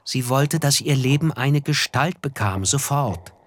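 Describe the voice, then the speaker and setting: A male actor voices a reflective, melancholy narrator looking back, telling a literary radio drama in measured, thoughtful phrases. His voice is mid-range with lively intonation.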